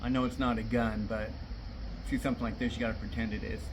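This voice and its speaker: A man's voice: lowish voice, quick pace. Teasing man vlogging outdoors. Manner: relaxed and teasing. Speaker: travel vlogger. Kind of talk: casual travel vlog. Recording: background noise outdoors.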